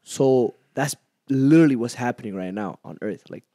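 Animated young man, dry close sound. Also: medium pitch, normal speed, no room sound. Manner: animated storytelling, laughs often. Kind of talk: casual podcast chat.

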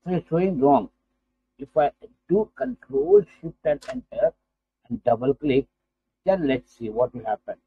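A man with an Indian accent teaching a software tutorial, dictating steps aloud piece by piece and repeating himself. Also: big pitch swings, measured pace, slightly rough, no room sound. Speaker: spreadsheet tutorial instructor. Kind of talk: screen-recorded software tutorial. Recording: muffled, low-fi, phone-like microphone sound.

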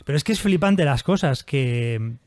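A man's voice: a little high, lively intonation, moderate pace, a little mellow, dry recording, clean studio sound. A man hosting a casual podcast, jokey and easygoing. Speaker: podcast host.

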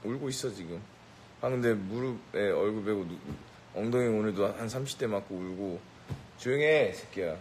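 Brash, boastful man with a lowish voice. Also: normal speed, darkish tone, slight background noise, poor audio. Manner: brash, boastful, mock-bossy. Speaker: rapper addressing a live audience. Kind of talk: teasing live banter.

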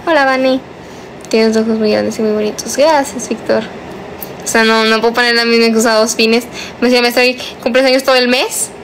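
On a phone livestream from her bedroom at night, a nineteen-year-old woman chats casually and teases while reading viewer comments, stretching out some words. Her voice sits on the high side with a steady tone and a slightly quick pace. The phone is held close in selfie framing in a small, dim room, and the rough recording carries slight background noise.

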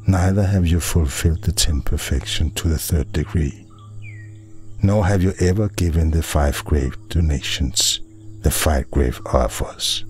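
A monk voicing a calm, steadfast young prince who answers a demon with measured words. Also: male voice, rumbling low, soft background music.

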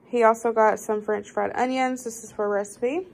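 A woman's voice: on the high side, fairly even intonation, normal speed, creaky, a little hiss or hum, rough recording. A woman with a Southern US accent, chatting casually to camera at her kitchen table and saying y'all often. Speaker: vlogger showing a grocery haul.

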